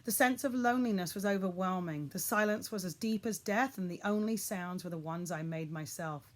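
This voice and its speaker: Female storybook reader, expressive and suspenseful. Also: fairly low pitch, fairly quick. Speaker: audiobook reader. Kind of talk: reading a children's novel aloud.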